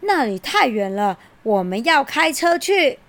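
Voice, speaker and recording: A woman's voice: sits high, sing-song, unhurried, fairly bright tone, heavily acted. A woman voicing a strict, grumpy father king who scolds and gives orders. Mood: bossy. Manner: bossy, scolding.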